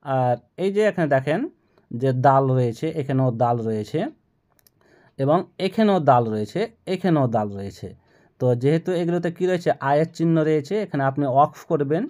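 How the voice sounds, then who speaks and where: A man's voice: a little high, animated, a little mellow. A man giving a Quran pronunciation lesson, explaining the rules patiently and repeating each phrase so learners can follow along. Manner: slow, drawn-out melodic recitation of verses. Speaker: Quran recitation teacher.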